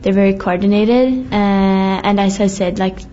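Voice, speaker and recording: Brief: young Swedish student athlete, steady flat delivery, lots of "uh" and "like". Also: female voice, medium pitch, a little slow, muffled recording, slight background noise. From Sweden. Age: young adult. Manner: hesitant, many fillers. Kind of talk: interview answers.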